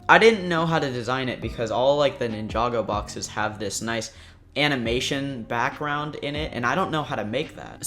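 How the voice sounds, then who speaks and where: A man's voice: medium pitch, a bit bright. A young man hosting his own video channel, chatting casually and rambling with lots of fillers and self-deprecating asides. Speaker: channel host.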